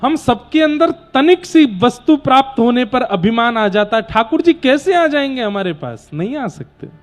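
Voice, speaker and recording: Male preacher, devotional discourse: high voice, slow exhorting delivery, faint music behind. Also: sing-song. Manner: fervent, exhorting, storytelling. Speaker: religious storyteller. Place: live religious gathering.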